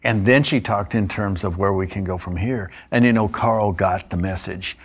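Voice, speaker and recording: Male instructor, husky and fairly low, measured explanatory lesson delivery. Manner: measured, explanatory, with occasional restarts. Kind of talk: narrated training lesson.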